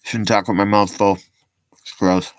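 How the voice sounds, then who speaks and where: A man's voice: lowish voice, flat delivery, measured pace, smooth. A man giving casual, rambling commentary as a vlogger, breaking off with joking asides and plenty of ums and restarts.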